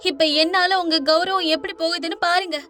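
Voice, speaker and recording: A woman voicing a spirited young woman who scolds her parents indignantly and firmly in an animated cartoon dub. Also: very high-pitched, fairly quick. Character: spirited young woman, righteous and defiant daughter.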